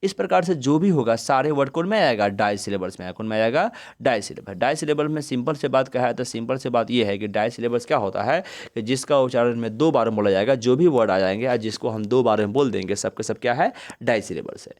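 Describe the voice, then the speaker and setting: A man teaching a grammar lesson, who keeps asking questions and answering them himself and stretches words out slowly to sound out their syllables. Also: mid-range voice, darkish tone.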